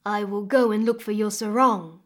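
A woman voicing a stern but kind magical mother crocodile with a low, rumbling voice and slow, deliberate speech. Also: fairly even intonation, close to an everyday voice. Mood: gentle.

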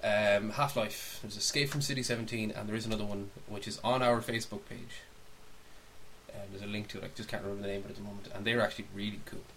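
This podcast co-host talks fast in a lowish, slightly bright voice with a steady tone, rambling through opinions and recommendations in informal, casual chat. Audio is poor, with a faint hiss in the background.

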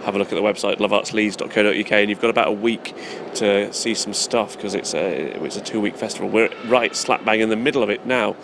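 British male interview guest, lowish and gravelly, colloquial and enthusiastic, casual delivery on location. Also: fast talker. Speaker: festival organiser, interview guest. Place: busy public exhibition space in city centre. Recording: noisy public space, urban background din. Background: people and urban ambience.

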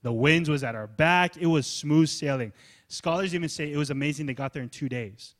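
A man preaching a sermon in a loose, conversational way, acting out little asides and building up to energetic emphasis. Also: on the high side, a little fast. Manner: loose, casual phrasing with fillers. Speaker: pastor.

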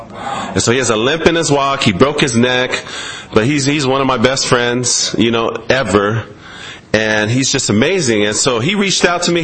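A man's voice: mid-range voice, a bit bright, low-quality recording. A man in his forties preaching a conversational sermon, acting out quoted voices in a playful way. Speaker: pastor.

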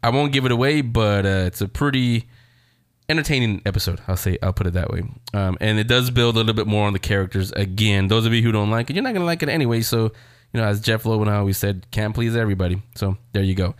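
A man hosts a casual TV review show, rambling conversationally and addressing his audience directly. His voice is fairly low and quick, in a dry recording with clean studio sound.

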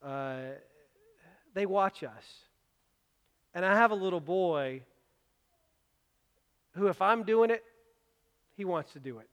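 A man's voice: high-pitched, lively intonation, takes it slowly, long pauses, a bit bright, smooth. A man preaching a sermon as pastor, talking conversationally and with emphasis, mixing in personal asides. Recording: long reverb of a large hall.

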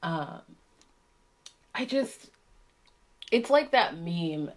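A woman's voice: on the low side, expressive, drawn-out words. A woman co-hosting a podcast in casual chat, giggly and full of "like". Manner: giggly, filler-heavy, lots of "like". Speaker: podcast co-host.

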